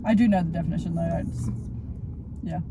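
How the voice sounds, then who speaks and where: A woman's voice: on the low side, quick pace, vocal fry, noisy background. A young woman with an Australian accent co-hosting a casual chat, teasing her friend playfully and reading out the questions. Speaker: teacher and co-host.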